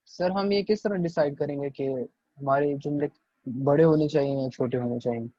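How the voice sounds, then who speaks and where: A man's voice: fairly high pitch, moderate pace, dark tone, dull audio. A man taking part as a student, politely asking his teacher a question. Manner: polite, deferential. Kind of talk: asking in class.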